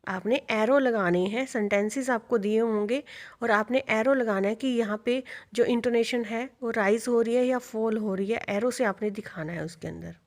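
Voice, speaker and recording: A woman's voice: on the high side, normal speed. A woman teacher giving a revision lecture, explaining step by step and answering her own questions. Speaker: English teacher.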